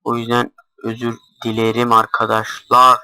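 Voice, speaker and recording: A man giving casual gameplay commentary, deliberately talking quietly and swearing offhandedly as he plays. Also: medium pitch, completely flat delivery, clean tone, rough recording. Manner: talks quietly on purpose, swears casually while playing.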